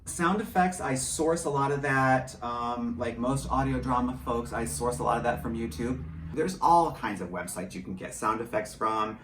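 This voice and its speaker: Talking at a normal speed in a medium-pitched, fairly bright voice, an American man from rural Michigan shares candid opinions in a casual interview. He writes and produces audio dramas and is a drag performer, heard through a distant mic in a roomy indoor home studio with faint background noise.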